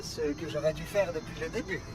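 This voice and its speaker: An actor playing a fussy, polite robot caretaker with a prim, formal and precise way of talking, in a video game. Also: male voice, fairly high pitch, fairly quick, close to an everyday voice, low-quality recording. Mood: prim, insistent. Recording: music behind the voice.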